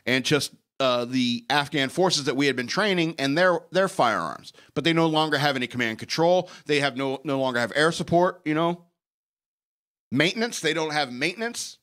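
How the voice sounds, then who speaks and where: A man's voice: a little high, animated, moderate pace, a bit bright. A man hosting a talk show, delivering a blunt, emphatic, opinionated news rant and repeating phrases for effect.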